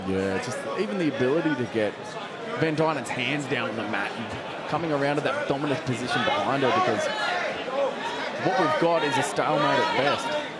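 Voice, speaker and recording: A man's voice: mid-range voice, expressive, brisk. A man doing live play-by-play commentary on a mixed martial arts fight. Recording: loud crowd noise behind commentary. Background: noisy fight crowd.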